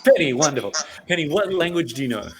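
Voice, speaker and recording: Over a video call, an Australian man presents an interactive leadership workshop, talking fast and expressively in a chatty, anecdotal way and laughing often. His voice is fairly high.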